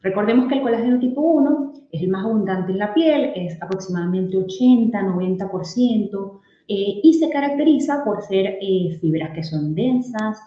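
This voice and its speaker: A woman's voice: medium pitch, dark tone, roomy sound, highs cut off. A woman doctor from Venezuela gives a clinical lecture to colleagues. She explains things step by step and works through patient cases. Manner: explanatory, addressing colleagues with case examples. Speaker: aesthetic medicine doctor giving a webinar talk.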